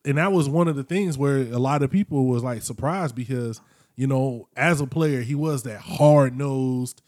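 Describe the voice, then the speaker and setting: Laid-back man with a dark voice. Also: medium pitch, dry recording, clean studio sound. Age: 30s. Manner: reflective, drawn-out, slangy. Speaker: podcast co-host. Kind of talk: casual chat.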